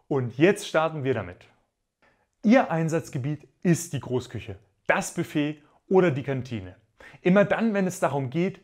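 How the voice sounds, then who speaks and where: Young man presenting a product formally. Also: fairly high pitch. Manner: formal, polite, promotional delivery. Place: studio in front of a gray backdrop.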